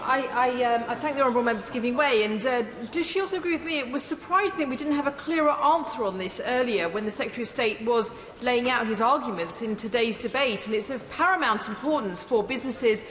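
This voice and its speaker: A woman's voice: on the high side, quick pace, few pauses, fairly bright tone. A woman speaking as a member of parliament, making a formal, courteous intervention in a debate. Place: large indoor debating chamber. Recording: echoey hall with long reverb.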